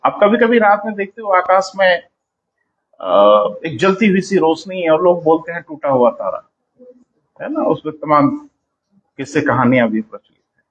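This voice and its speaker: A man's voice: on the high side, normal speed, pauses often, muffled recording. Stern lecturing male coaching teacher. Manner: stern, lecturing, scolding then explaining; calls students "beta". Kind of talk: classroom lecture.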